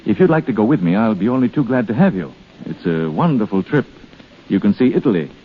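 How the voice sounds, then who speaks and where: An actor playing a brisk, urgent, smooth-scheming male swindler in a 1930s radio drama. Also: lowish voice, sing-song. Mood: insistent, coaxing. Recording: tinny, noisy 1930s radio recording.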